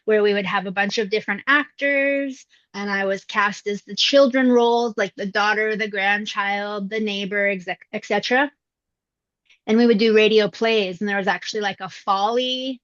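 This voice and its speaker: This voice actress, middle-aged but youthful-sounding, answers an interviewer's questions from her mother's home, speaking in a relaxed, reflective mid-range voice with frequent filler pauses. It's captured dry and close, with a slightly dull, lo-fi tone.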